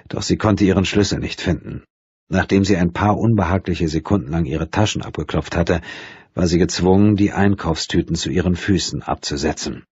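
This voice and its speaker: Deep husky male audiobook narrator. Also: dry recording. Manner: even, descriptive storytelling. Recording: dull, dry close recording.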